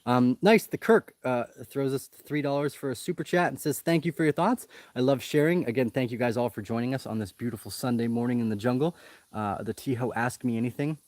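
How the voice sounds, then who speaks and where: Thirties male host, casual livestream Q&A, halting delivery with many fillers, mid-pitched, recorded outdoors on a laptop mic. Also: darkish tone, no room sound, clean studio sound. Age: 30s. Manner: loose, hesitant, many ums and restarts. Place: outdoors in the jungle.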